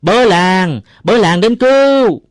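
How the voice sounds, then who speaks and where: A man voicing a jolly middle-aged village man who bellows a high, strained cry for the neighbors to come. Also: animated, slow pace, no echo, clean studio sound. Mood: shouting.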